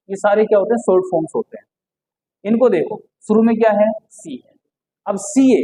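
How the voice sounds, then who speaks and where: A teacher, speaking in a mellow, warm tone at a middle pitch. They keep posing a question and answering it in the same breath, then repeat the key word slowly so it sinks in. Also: poor audio. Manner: asks questions and answers them at once. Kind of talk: explanatory lesson.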